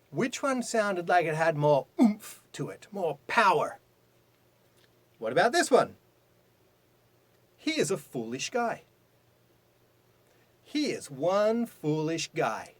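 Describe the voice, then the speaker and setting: A man teaching English idioms in a video lesson, talking emphatically with big swings in pitch and loudness.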